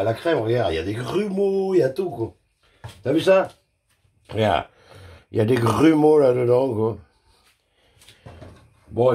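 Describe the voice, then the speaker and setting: A man's voice: medium pitch, a little mellow. A man chatting casually in a cooking vlog in his home kitchen, joking about his own mistakes, swearing freely and talking straight to the viewer while he works. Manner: joking, self-mocking, crude swearing. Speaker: home cook vlogger.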